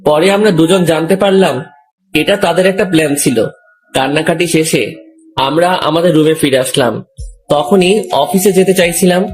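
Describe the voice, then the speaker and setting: A young man calmly narrating a romantic story in the first person, also voicing the male lead. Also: fairly high pitch.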